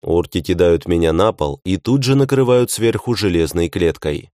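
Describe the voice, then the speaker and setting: Low-voiced male audiobook narrator. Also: lively intonation, normal speed, mellow, no echo, clean studio sound. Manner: tense, wry inner monologue. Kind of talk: first-person audiobook narration.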